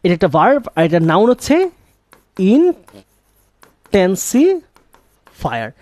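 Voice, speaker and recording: A man's voice: high-pitched, very animated, fairly quick, a little mellow, no echo. A young man teaching English grammar, asking questions and answering them himself and repeating key words. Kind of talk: classroom-style grammar lesson.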